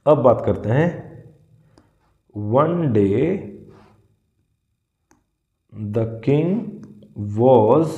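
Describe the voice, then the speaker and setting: A man with an Indian accent teaching English grammar in a casual lesson, patiently repeating example sentences slowly. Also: mid-range voice, reverberant, highs cut off.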